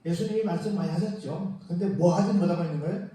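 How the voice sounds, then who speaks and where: A man's voice: high voice, fast talker, warm tone. A man preaching a sermon as pastor, retelling the story with acted-out quotes and questions to the congregation. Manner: storytelling, acting out the disciples and Mary in quoted speech; asks the congregation frequent rhetorical questions. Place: church sanctuary. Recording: very echoey church room, mic at a distance.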